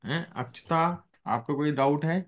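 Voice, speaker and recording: A man's voice: a little high, measured pace. A male teacher giving a live classroom lesson. He mixes English phrases into his explanations and keeps checking that the students follow.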